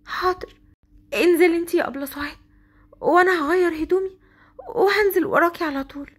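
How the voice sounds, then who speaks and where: A woman voicing a frightened, tearful young bride, pleading in a high, hurried voice. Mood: meek.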